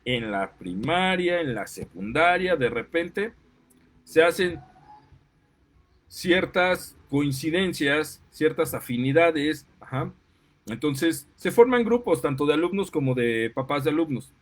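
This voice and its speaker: Slow yet animated, with a fairly high pitch, this Mexican-accented father speaks as a commentator in an indignant, impassioned monologue. He repeatedly gets worked up and heated, and says sorry for the outbursts.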